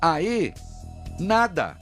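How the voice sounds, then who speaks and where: Sarcastic Brazilian radio commentator, lively pitch. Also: male voice, extremely slow, soft background music. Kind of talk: opinionated talk radio commentary.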